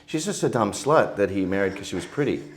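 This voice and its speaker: Man, middle-aged, low voice, provocative, jokey storyteller. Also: lively intonation, quick pace. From Canada. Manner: crude, joking, provocative. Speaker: guest. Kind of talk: casual interview storytelling.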